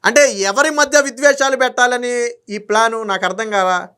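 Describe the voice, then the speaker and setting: Male political commentator: high, crisp voice, combative opinion monologue with constant rhetorical jabs. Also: moderate pace, bright, forceful tone. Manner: combative, fires rhetorical questions at someone not present.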